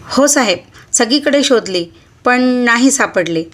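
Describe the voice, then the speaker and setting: A woman's voice: on the high side, lively intonation, a little slow, fairly bright tone, slight background noise. A woman voicing a poor, timid widowed mother who pleads with the police.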